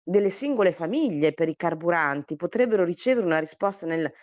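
A hoarse official explaining budget matters with measured care and frequent pauses to hunt for words. The voice sits at a middling pitch and comes through a dull, muffled line. The sound is close and dry, with no room around it. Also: lively intonation, no room sound. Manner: measured, with frequent hesitation fillers. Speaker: regional councillor. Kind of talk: policy explanation in an interview.

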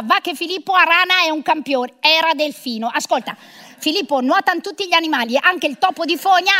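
A woman's voice: extremely high pitch, pushed and bright. A middle-aged woman performing a comic monologue of phone calls as a bossy, sarcastic career mother.

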